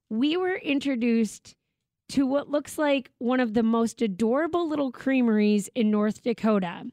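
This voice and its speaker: A woman hosts a radio talk show, bubbly and chatty. Her voice sits a little high and the studio sound is dry and close. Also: darkish tone, dry recording. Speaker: radio host.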